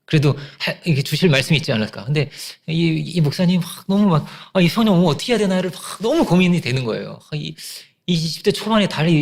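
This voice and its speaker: A pastor preaches a Sunday sermon, animatedly telling a story, acting out quoted voices, and trailing off into fillers and restarts. His voice is a little high and creaky.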